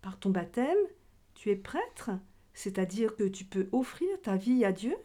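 A woman's voice: medium pitch, big pitch swings, measured pace, warm tone. A woman teaching a children's religion lesson, explaining things simply as if speaking to young listeners. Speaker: catechism teacher. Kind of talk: children's religion lesson in question-and-answer dialogue.

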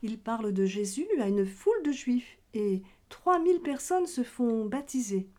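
Her voice sits on the high side, slightly mellow, with lively intonation and a somewhat slow delivery. The catechism teacher is explaining a children's religion lesson simply, using a question-and-answer dialogue aimed at young listeners.

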